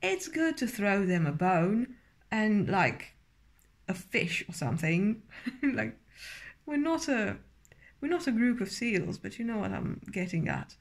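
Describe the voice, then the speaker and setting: A woman's voice: medium pitch, sing-song, measured pace, creaky. A tipsy woman giving a casual, rambling review, often searching for words and swearing now and then. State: tipsy from drinking. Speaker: video reviewer.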